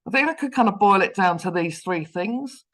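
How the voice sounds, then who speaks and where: Speaking over a video call, this guest lecturer and professor from London, England, delivers an online seminar talk in a chatty, self-deprecating way. She is in her fifties and has a London English accent. Her mid-range voice sounds animated and a bit bright, moving at normal speed.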